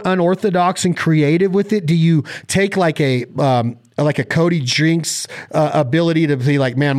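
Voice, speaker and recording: A male host asking long, run-on questions with enthusiasm, full of "like" and side thoughts. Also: fairly high pitch. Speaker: podcast host, interviewer. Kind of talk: casual interview questions.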